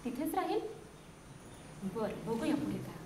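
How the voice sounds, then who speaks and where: Animated teacher reading to children. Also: female voice, a little high, normal speed, background noise. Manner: animated, keeps questioning the children. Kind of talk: reading a picture book aloud to children. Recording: echoey classroom.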